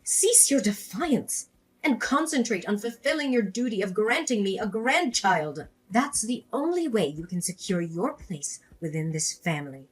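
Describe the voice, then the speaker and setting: A woman voicing an overbearing older mother-in-law who scolds her daughter-in-law about grandchildren, husky and domineering. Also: medium pitch, sing-song, normal speed, close to an everyday voice. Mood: scolding. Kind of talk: animated story voice acting.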